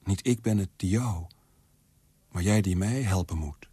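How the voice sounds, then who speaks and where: A man reading aloud, voicing a calm, weary angel with a husky voice. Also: low voice, measured pace, no echo, studio quality. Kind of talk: literary reading.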